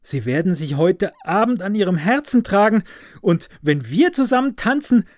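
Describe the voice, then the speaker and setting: A man voicing an impulsive, self-absorbed young student in a fairy tale, with loud, excited exclamations. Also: a little high, measured pace, no room sound.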